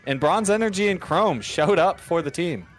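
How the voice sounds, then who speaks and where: A man with a slightly higher voice commentates a video game match. He is casual and playful, rambling through jokes as he banters like a co-caster. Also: animated, normal speed, faint music behind.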